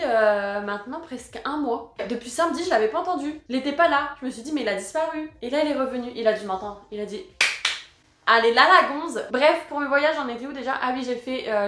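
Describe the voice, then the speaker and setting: Young woman from France, twenties, slangy and expressive vlogger, fairly high voice, echoey home room. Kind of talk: casual Q&A vlog.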